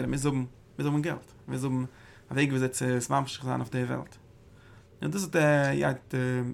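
Gravelly man teaching a religious lesson. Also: medium pitch. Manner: emphatic bursts, repeats and restarts phrases. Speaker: Torah teacher. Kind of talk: religious study lecture.

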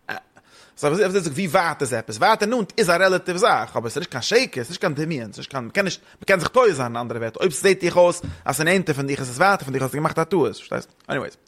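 Fast-talking man explaining a text. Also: on the high side, lively intonation, a bit bright. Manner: rambling, fast, mixes German with Hebrew and English terms. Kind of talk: casual study discussion.

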